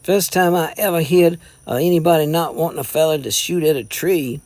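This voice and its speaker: A man's voice: on the high side, unhurried, creaky, darkish tone, pitched above the performer's own voice. A man doing a hot-headed boy. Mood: puzzled. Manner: drawling, sneering backwoods talk. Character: belligerent young male mountain boy, hot-tempered.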